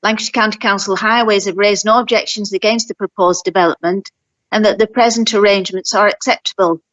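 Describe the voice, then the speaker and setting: A woman's voice: mid-range voice, steady tone, fairly quick, a bit bright. A woman ward councillor speaking over the phone, reading a formal prepared statement to a planning committee. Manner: reads a prepared statement steadily. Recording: dull, muffled phone audio.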